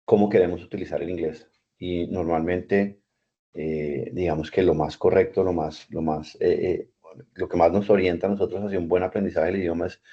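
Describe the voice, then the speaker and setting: A man's voice: low-pitched, dark tone, husky. A man teaching an English class in over a video call, patiently repeating and spelling out words. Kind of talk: online class lecture. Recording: dull lo-fi video call audio.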